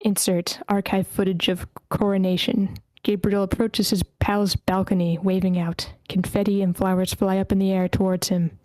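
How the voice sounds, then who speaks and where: Woman reading screenplay directions, flat. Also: medium pitch, moderate pace, few pauses, no echo. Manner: steady reading, stumbles over character names. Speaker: reader of scene directions at a script table read. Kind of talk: reading screenplay action lines aloud. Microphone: computer mic in an online meeting.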